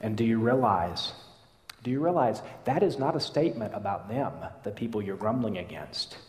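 A man preaching a sermon as a pastor, emphatic, sometimes pushing hard and sometimes dropping low. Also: lively intonation, moderate pace, darkish tone. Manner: emphatic preaching, rising and falling in intensity. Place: large church hall. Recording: echoey church hall, roomy reverb.

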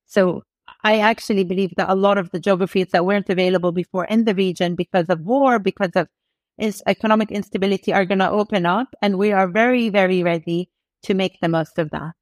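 A middle-aged woman speaks as a podcast guest, articulate and emphatic, building her points with energy. Her voice sits at an ordinary middle pitch. The recording is dry and close, with no room sound. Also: steady tone, fast, no echo. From United Kingdom. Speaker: guest, e-commerce executive. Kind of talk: podcast interview.

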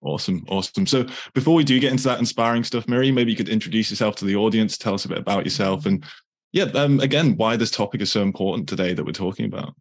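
A man's voice: fairly low pitch, quick pace, husky. A man hosting a marketing podcast, upbeat and repeating words, often saying "like". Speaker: podcast host. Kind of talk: podcast interview.

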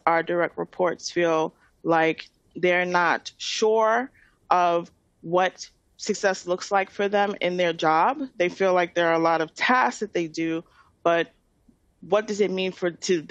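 A woman's voice: fairly low pitch, no echo. A middle-aged woman from New York with a New York accent, presenting a webinar in an informal, explanatory way. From Queens, New York City, USA. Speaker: webinar presenter, nonprofit finance director.

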